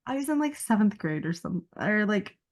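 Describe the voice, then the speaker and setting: A woman's voice: mid-range voice, sing-song, moderate pace. A woman co-hosting a podcast in casual chat, laid-back, reading search results aloud and trailing off mid-thought. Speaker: podcast co-host.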